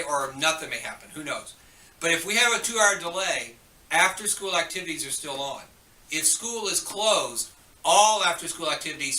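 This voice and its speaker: A man's voice: fairly high pitch, pushed and bright, reverberant, distant mic, low-quality recording. A man giving chatty, joking school morning announcements, turning stern when he scolds students, heard over the school intercom.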